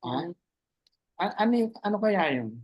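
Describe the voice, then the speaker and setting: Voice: medium pitch, sing-song, measured pace, dull audio. A group leader who reads Bible verses aloud and then asks the members what they think. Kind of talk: leading a Bible discussion.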